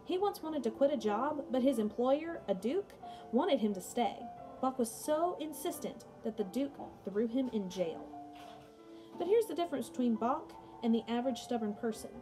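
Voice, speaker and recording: Reading aloud for a casual music lesson, a young woman mixes passages with loose, conversational remarks. Her voice is on the high side and animated, her speed normal; she's indoors in a small room at home, and music runs behind her.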